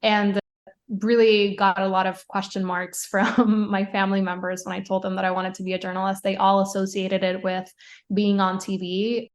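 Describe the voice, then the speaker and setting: Relaxed and chatty, a young fashion writer from Puerto Rico answers podcast questions in an even, flat pitch. Fillers and fast restarts keep cropping up, and she laughs lightly and often.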